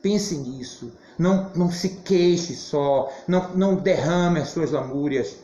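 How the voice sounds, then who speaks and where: A hoarse man teaching an adult Sunday school class, speaking emphatically and now and then shouting. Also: fairly high pitch, measured pace. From Brazil. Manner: animated, emphatic, occasional shouting. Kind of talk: church Bible class teaching. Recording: roomy, dull, faint hiss.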